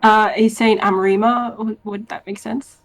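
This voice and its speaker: Female tabletop player, lightly high voice, informal, tentative chat, faint music bed. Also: monotone, moderate pace, creaky, no room sound. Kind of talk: casual game chat.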